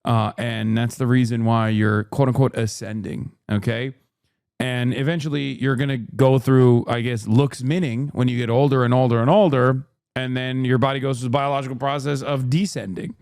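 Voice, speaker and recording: A man's voice: mid-range voice, steady tone, moderate pace, a little mellow, clean tone, no echo, clean studio sound. Rambling, profane man in his thirties. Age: 30s. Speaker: streamer host. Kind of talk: casual reaction commentary.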